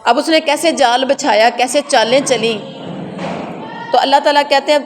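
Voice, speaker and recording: Woman, Pakistani Urdu accent, Quran teacher, slow verse recitation, fairly high voice, reverberant room, faint noise. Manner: recites verses slowly, then explains them conversationally. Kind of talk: word-by-word translation lesson. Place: room with noise heard from outside.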